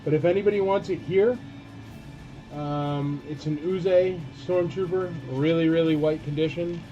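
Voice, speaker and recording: A man's voice: on the high side, fairly even intonation, unhurried, warm tone, dull audio, soft background music. A man working as an auctioneer on a live sale, talking in informal patter with emphatic calls. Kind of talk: auctioneer running a casual live collectibles sale.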